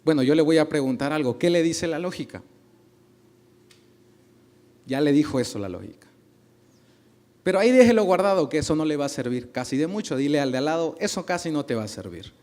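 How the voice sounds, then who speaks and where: A man's voice: fairly high pitch, animated, fairly quick, pauses often, a little mellow. A male pastor preaching a sermon, asking the congregation questions and acting out little dialogues.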